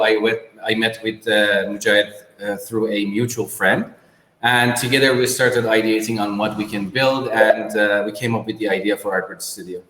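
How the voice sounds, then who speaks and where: Iranian male co-founder, low voice, hesitant delivery, reverberant room. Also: fairly bright tone. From Iran. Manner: hesitant, many fillers and repeats. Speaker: startup co-founder. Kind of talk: self-introduction in a business talk. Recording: roomy with long reverb.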